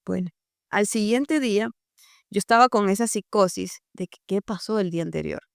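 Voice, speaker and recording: Young ecuadorian woman telling her story, bit of gravel in the voice, dry close mic. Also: medium pitch, normal speed, dry recording. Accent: Ecuadorian Spanish. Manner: lively storyteller, acts out family voices. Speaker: guest giving a testimony. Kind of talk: storytelling testimony on a podcast.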